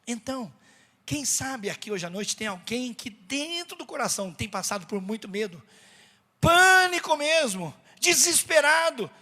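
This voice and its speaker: Male preacher, high bright voice, dramatic delivery, reverberant church hall. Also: expressive, normal speed, breathy edge. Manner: dramatic preaching, swinging from hushed to shouting. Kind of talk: sermon.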